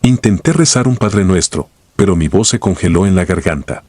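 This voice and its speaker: A man with a deep, husky voice tells a first-person horror story in a grave, steady scripted narration. The sound is dry and close, with no room around it. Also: normal speed, no room sound.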